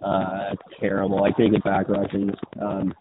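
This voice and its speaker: In a deep, monotone voice at a moderate pace, a podcast co-host chats casually. He sounds muffled, like he's talking through a sweater, over a phone-like line with background noise, and he rambles, swears casually and restarts many times.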